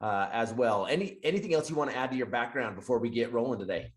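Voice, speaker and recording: A man's voice: medium pitch, lively intonation, fast. A man hosting a podcast, upbeat and enthusiastic, chatting casually with his guest. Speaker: podcast host. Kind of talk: casual interview chat.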